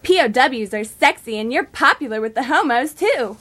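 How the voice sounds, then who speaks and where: A woman's voice: high voice, expressive, bright, forceful tone, heavily acted. A woman playing a gushing college girl. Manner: gushing, fawning, slow. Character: gushing young female college student, adoring.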